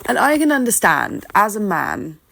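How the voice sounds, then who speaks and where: A woman's voice: mid-range voice, huge pitch swings, normal speed, vocal fry, fairly bright tone. A woman talking informally on her own as a podcast host, candid and self-deprecating, hesitant as she thinks aloud into her phone at home. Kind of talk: informal solo opinion talk. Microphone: talking into a phone, no studio.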